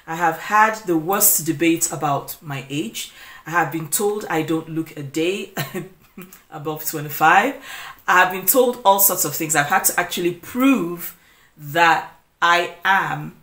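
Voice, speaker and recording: A woman's voice: low-pitched, fairly bright tone. A woman in her forties talking casually to camera as a lifestyle vlogger. She rambles, restarts her sentences and fills gaps with "you know". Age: 40s. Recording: echoey room.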